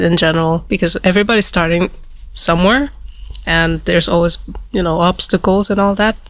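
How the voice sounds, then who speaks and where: A woman's voice: fairly low pitch, dry recording. A woman hosting an interview, asking curious, loosely phrased questions. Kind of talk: casual interview.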